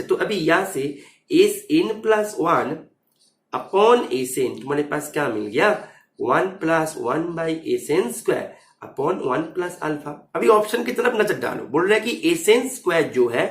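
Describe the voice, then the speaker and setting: A man's voice: on the high side, animated, takes it slowly, a bit bright, reverberant. A man teaching math, explaining an exam solution step by step and often checking if students follow, mixing English terms into his Hindi.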